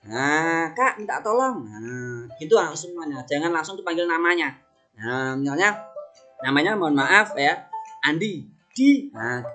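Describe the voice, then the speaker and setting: Bright-voiced male teacher coaxing small kids. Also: fairly high pitch. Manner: coaxing, asks questions and answers them himself. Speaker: religious education teacher. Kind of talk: online lesson for young children.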